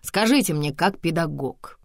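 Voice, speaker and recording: A woman voicing an old retired female teacher who speaks slowly with a wry, carefree manner. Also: deep voice, animated, no echo, studio quality. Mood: dreamy.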